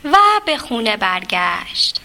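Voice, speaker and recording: A woman storyteller reading a fairy tale to children, expressive and talking to them directly. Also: mid-range voice, creaky.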